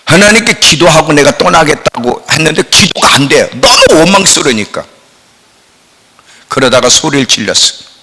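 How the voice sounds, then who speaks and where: A middle-aged male pastor delivers a lively sermon in a bright, forceful voice, his pitch leaping between high outcries and low, hushed asides. The sound rings out with a long reverb through a church sanctuary. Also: normal speed, husky. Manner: animated preaching, swinging from loud outcries to hushed asides.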